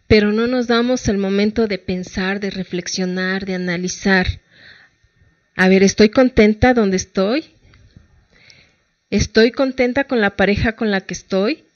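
A woman's voice: mid-range voice, dry recording, lo-fi sound. A middle-aged woman psychologist with a Mexican Spanish accent, giving colloquial advice and asking her listeners rhetorical questions. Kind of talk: talk-show advice talk.

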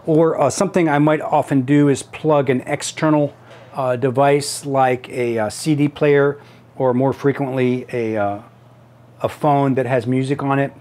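A man in his fifties giving a casual product tutorial, haltingly thinking aloud as he demonstrates. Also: medium pitch, steady tone, a little mellow. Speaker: tutorial presenter. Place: small home office room.

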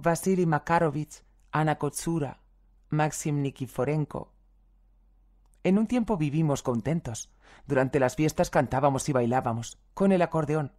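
A reader giving a calm, measured audiobook reading of first-person testimonies, reading the translator's footnotes aloud as well. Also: mid-range voice.

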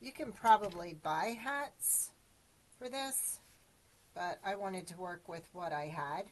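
Speaking slowly in a lowish voice, a woman runs a live-streamed craft demonstration, greeting viewers and chattily walking through each step. She coughs from time to time after choking, and the recording is low quality.

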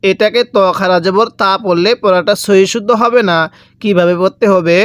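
A man teaching Quran reading to students, spelling out letters slowly and drawing out the vowels so they can repeat after him, with a Bangladeshi Bengali accent. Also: high voice, a bit bright, smooth, no echo. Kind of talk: recitation lesson with call-and-repeat.

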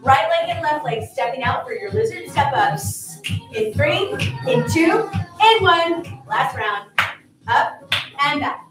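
High-pitched woman coaching a workout. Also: sing-song, takes it slowly, long pauses. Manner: upbeat, encouraging, punchy short commands. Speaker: group fitness instructor. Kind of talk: energetic workout coaching, calling counts and cues. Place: indoor fitness studio with wooden floor. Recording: distant echoey studio with music playing. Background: workout music.

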